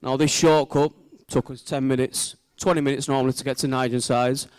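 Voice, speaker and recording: Man giving a clear, sincere wedding speech. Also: medium pitch, level tone, brisk, no room sound.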